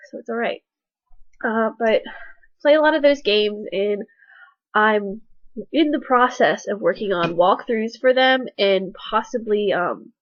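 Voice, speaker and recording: A young Texan college student records a casual self-introduction vlog, her medium-pitched voice stuffy and sick from allergies. She introduces herself awkwardly and self-deprecatingly with lots of fillers, and the dry webcam audio sounds dull and lo-fi.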